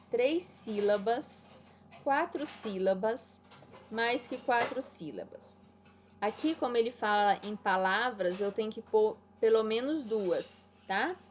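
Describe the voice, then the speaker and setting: Slow-speaking woman teacher. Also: medium pitch, slight background noise. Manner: patient, checks understanding with "tá?" and "né?". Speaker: primary school teacher. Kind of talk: online class explaining textbook exercises.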